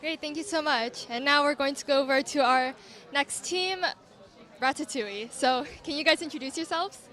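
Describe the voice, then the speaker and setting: Woman moderating, high voice, upbeat and polite. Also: normal speed, pushed and bright. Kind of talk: hosting a presentation session.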